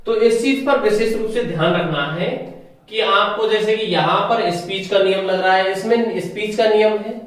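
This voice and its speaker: A man's voice: sits high, moderate pace, a bit bright. A male English teacher giving a step-by-step grammar lecture, putting questions to his students and answering them himself. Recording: very echoey room, mic far off.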